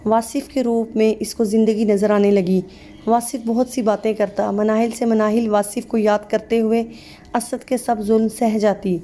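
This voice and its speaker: A woman's voice: fairly high pitch, flat delivery, warm tone. A woman reading a sad story aloud as scripted narration, voicing every part in one plain voice.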